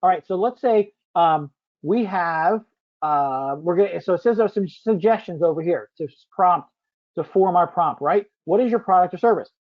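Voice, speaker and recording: An American man with a high-sitting voice runs a live webinar product demo at a moderate pace, chatting casually, often tagging points with "right?" and answering viewers by name. He's a software demo presenter, and the audio is muffled and lo-fi.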